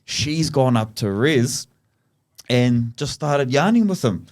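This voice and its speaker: A man's voice: medium pitch, animated, slow pace, darkish tone. A man with a broad New Zealand accent telling a casual anecdote in slangy, matey talk among friends. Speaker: podcast host and storyteller. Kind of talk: casual chat, yarning anecdote.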